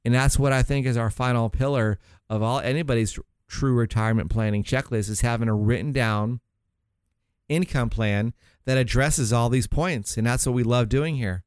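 A man hosts a money show on talk radio and talks listeners through retirement plans. His delivery is loose and rambling, and he often doubles back on words. The voice is smooth and clear, recorded close and dry. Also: medium pitch, moderate pace, no room sound.

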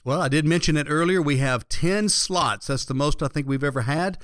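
A man's voice: fairly high pitch, normal speed, a bit bright, dry recording, clean studio sound. A man hosting a radio show, giving conversational, folksy advice as a financial planner.

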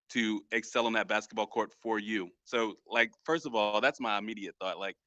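A man's voice: on the low side, bright, forceful tone, dry recording, lo-fi sound. A man co-hosting a podcast, talking sports casually and with feeling, full of slang. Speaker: podcast co-host. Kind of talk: casual chat about sports.

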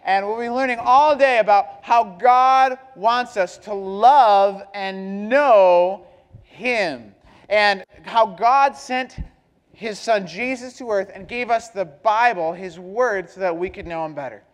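High-pitched, high-energy man hosting in echoey hall. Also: unhurried. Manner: loud, high-energy, exclamatory hype. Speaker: children's program host leading a group. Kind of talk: live upbeat presentation to children. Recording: echoey hall with long reverb.

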